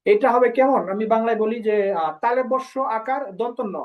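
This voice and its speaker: Female teacher, slightly high voice, patient and repetitive, dull lo-fi sound. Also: steady tone. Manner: explains slowly, repeats syllables for students to copy. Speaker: language teacher. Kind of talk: online class lecture.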